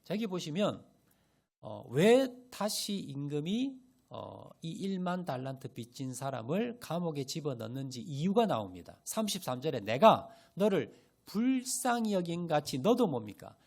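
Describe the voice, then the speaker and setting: A man's voice: on the high side, normal speed, vocal fry, slightly rough. A male pastor preaching a Sunday sermon, often asking the congregation questions and answering them himself. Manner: animated, rising and falling emphasis. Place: church sanctuary.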